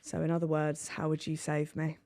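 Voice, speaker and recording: A woman's voice: low voice, monotone, brisk, warm tone. A woman hosting a podcast in a playful, teasing chatty manner. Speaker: podcast host. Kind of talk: casual chat.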